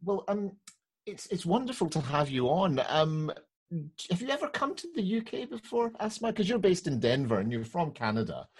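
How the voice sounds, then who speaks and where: British man with a husky, animated voice. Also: high voice, moderate pace. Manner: jokey, self-deprecating. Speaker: podcast co-host. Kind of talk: bantering casual interview.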